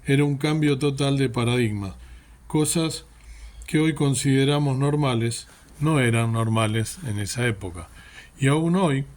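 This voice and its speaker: A man's voice: medium pitch, a little slow, darkish tone. A man giving an earnest sermon reflection, often asking rhetorical questions. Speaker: preacher.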